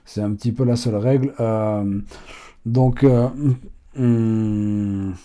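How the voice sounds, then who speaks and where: Casting: man, mellow low-bright voice, casual rambling language teacher full of fillers. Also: fairly even intonation, takes it slowly, smooth. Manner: rambling, many fillers and restarts. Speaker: Spanish teacher. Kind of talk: casual online language lesson.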